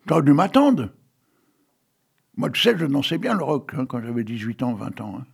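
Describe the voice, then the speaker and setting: A man's voice: mid-range voice, sing-song, quick pace, creaky, husky. A man in his eighties hosting a radio show, chatting in a teasing, rambling way and reading poems aloud. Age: 80s. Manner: chatty and teasing, full of "hein" and "bon" fillers. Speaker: radio host. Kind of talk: casual radio chat with poetry readings.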